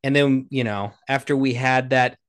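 Male podcast co-host, raspy and a bit hoarse, mid-pitched, informal sports chat and storytelling. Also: steady tone, moderate pace. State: hoarse after vacation.

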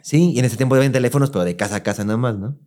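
A man's voice: mid-range voice, racing. A young Mexican man co-hosting a podcast, telling a story in casual slangy chat and acting out the people he quotes. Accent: Mexican Spanish. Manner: animated, slangy, acts out quoted voices. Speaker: podcast co-host.

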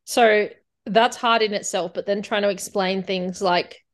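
A woman's voice: medium pitch, steady tone, measured pace. Teasing, sympathetic woman co-host. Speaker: podcast co-host. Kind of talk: casual chat.

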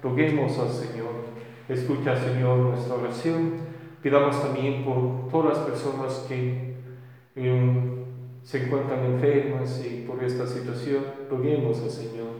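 A man reciting solemn Mass prayers as a priest, measured and formal, his voice carried in a cathedral echo. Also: medium pitch, flat delivery, dark tone. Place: large reverberant church interior. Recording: cathedral-like echo with long reverberant tail.

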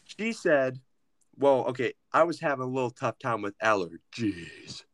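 A man's voice: medium pitch, very animated, a little slow, fairly bright tone, dry recording, studio quality. A man co-hosting a comedy talk show, speaking in a pompous, mock-formal, old-timey way. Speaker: podcast co-host. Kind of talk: comedic banter.

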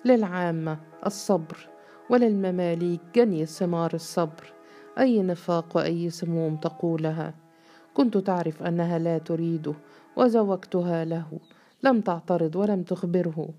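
A man's voice: fairly high pitch, moderate pace, dark tone, faint music behind, lightly acted. A woman voicing a young man who angrily accuses a sheikh, speaking in a bitter, accusing way. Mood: bitter anger.

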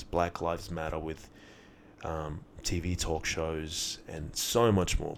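A young adult man, born in Iraq and raised in Australia from childhood, talks candidly and casually in a reflective personal monologue peppered with slang and swearing. His voice is low-pitched, with slight background noise.

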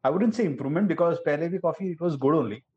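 A man's voice: a little high, racing, muffled recording. A man with an Indian accent hosting a casual conversational interview, asking questions and commenting. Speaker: interviewer, host.

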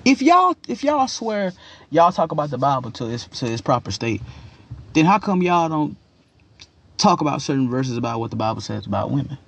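A young man with a gravelly voice giving a casual, opinionated rant in a slangy, rambling, emphatic way, repeating his phrases. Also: mid-range voice, sing-song, normal speed. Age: young adult. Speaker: commentator giving personal opinions.

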